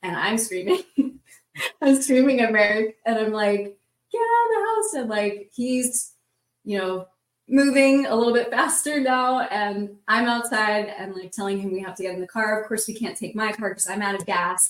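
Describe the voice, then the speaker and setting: A woman's voice: mid-range voice, normal speed, distant mic. Woman telling a story, off-mic in a roomy space. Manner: vivid, breathless retelling with many "like" fillers. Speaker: roundtable guest. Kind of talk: casual storytelling.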